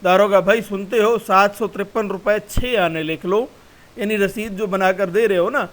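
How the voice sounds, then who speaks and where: A man's voice: sits high, steady tone, fairly bright tone, poor audio. A man, a college lecturer, reading a passage aloud in a recorded class and explaining it word by word.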